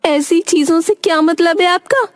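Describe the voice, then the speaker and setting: A sharp-tongued cartoon wife, scolding endlessly. She speaks high and exasperated over background music. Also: moderate pace. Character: scolding, fed-up village wife. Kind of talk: cartoon voice acting.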